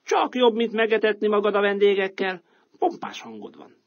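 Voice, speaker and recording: A man voicing a proud, bossy male donkey who leads a band of animals in a storybook, with a husky voice. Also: high voice, fairly even intonation, pitched above the performer's own voice. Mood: coaxing. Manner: confident, coaxing, upbeat. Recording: dull lo-fi recording.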